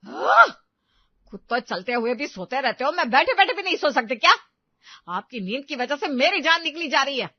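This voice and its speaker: A sharp-tongued middle-aged housewife from a storybook nags in a high, loud voice, as a woman narrator puts her on. The recording sounds dull and dry. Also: fast, dry recording. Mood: shrill scolding.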